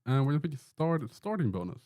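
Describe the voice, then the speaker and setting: He's a Swedish game streamer with a Swedish accent whose voice sits on the high side, mellow, fast, and very animated. While streaming gameplay live from an indoor room with a door, he chats, jokes, and responds to chat's questions.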